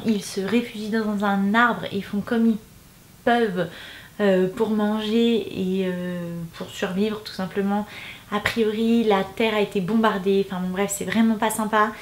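A woman's voice: mid-range voice, echoey room. A woman vlogger chatting casually about her reading list, jokey and self-mocking. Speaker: book vlogger. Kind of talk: casual chat to camera.

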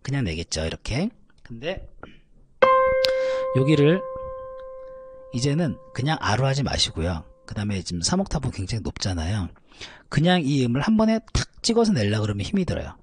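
A man teaching a vocal lesson, calmly explaining technique between high belted demonstrations. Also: normal speed, long pauses, soft background music. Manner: explains calmly, then belts high shouted notes. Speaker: vocal coach.

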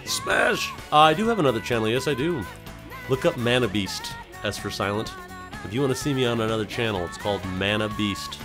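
Man, stream host, casual playful chat, mid pitch, faint music behind. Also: huge pitch swings, fairly quick. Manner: loose and playful, talks to chat, slips into silly voices. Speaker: livestream host.

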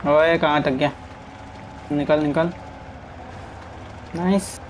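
Man, casual gameplay commentary, slightly high voice, faint game noise behind. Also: steady tone, takes it slowly, rough recording. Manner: chatty, talks to the truck and viewers as he plays. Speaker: gaming streamer. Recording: faint game sounds in background.

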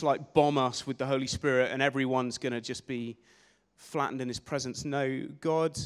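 A young man preaching a sermon on a church stage with a handheld mic, energetic and gesturing, often repeating words as he restarts phrases. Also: medium pitch. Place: church stage in a large hall. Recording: long hall reverb.

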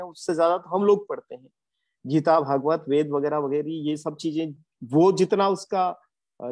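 A man giving an academic lecture, earnest and reflective, pausing often with hesitations. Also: on the high side, a little mellow. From India. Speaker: guest lecturer.

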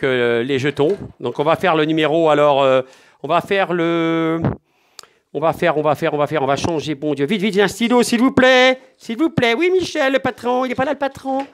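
Man, high-pitched, theatrical game-show hosting, repetitive suspense, cursing. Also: a bit bright. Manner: theatrical, joking, swears freely; repeats words for suspense. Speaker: online sailing game league host. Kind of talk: mock game-show council commentary.

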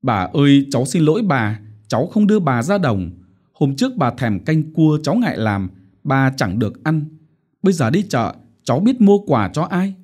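A man's voice: medium pitch, wildly swooping pitch, moderate pace, hardly any pauses. A man voicing a young village woman who laments tearfully, read in an audiobook. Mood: lamenting.

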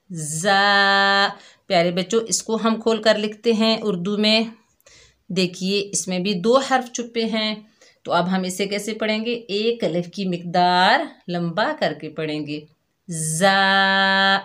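A woman teaching children to read letters, stretching each sound out and coaxing them gently. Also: medium pitch. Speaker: Quran reading teacher for children. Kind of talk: slow patient recitation lesson.

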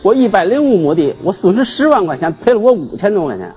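A man, a guest telling his grievance on a TV talk show in an animated, aggrieved way. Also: high voice, quick pace, husky, soft background music. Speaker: guest, husband seeking divorce. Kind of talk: emotional storytelling on a TV talk show.

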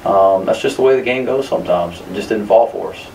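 A man in his thirties with a very low voice answers questions after a game, picking his words slowly and circling back with frequent fillers. He sits a little way from the microphone in a press room. A faint hiss stays under his speech. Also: gravelly, darkish tone, far from the mic, rough recording. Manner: measured, many fillers and restarts. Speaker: basketball coach. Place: press room in front of a sponsor backdrop.

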